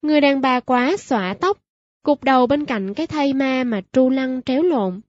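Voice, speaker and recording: A woman narrating a short story, reading steadily and clearly. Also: high-pitched, lively intonation, moderate pace, darkish tone, dry recording, highs cut off.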